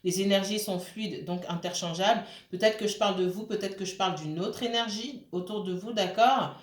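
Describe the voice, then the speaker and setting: A woman gives a casual tarot reading in a talky, halting way, stopping and restarting and checking in with her listeners again and again. Her voice sits in an ordinary middle range, and the room around her has a noticeable echo. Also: medium pitch. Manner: hesitant, with many fillers and restarts. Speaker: tarot card reader. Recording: roomy echo.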